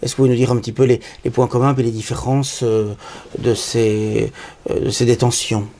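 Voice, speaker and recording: A man hosting a conversational interview, asking measured, carefully phrased questions. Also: mid-range voice, little pitch movement, mellow. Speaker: interview host.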